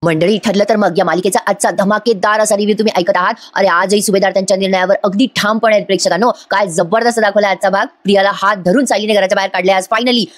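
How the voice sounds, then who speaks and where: A woman reviewing a TV serial in an animated way, addressing her audience and laughing at the drama. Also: mid-range voice, quick pace, few pauses. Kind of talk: energetic review narration.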